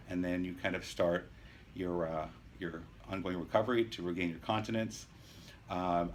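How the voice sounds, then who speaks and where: Casting: man, early 50s, low register, earnest patient vlogger, measured and halting delivery, faint background noise. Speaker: patient sharing his surgery experience. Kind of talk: casual video diary, explanatory. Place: private hospital room.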